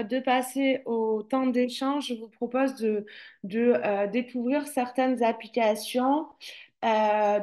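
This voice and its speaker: A woman trainer presenting a webinar, talking through it with many fillers and restarts. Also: a little high. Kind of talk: online presentation.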